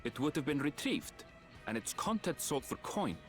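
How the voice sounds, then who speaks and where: A man's voice: on the high side, big pitch swings, normal speed, faint music behind. A man voicing a composed, articulate informant in a game story, explaining things formally. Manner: formal, expository.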